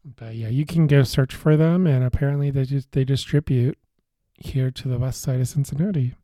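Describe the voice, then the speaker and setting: A man co-hosting a podcast in casual beer-tasting chat, relaxed and hesitant, with many fillers and restarts. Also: mid-range voice, normal speed, no room sound, clean studio sound. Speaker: podcast co-host.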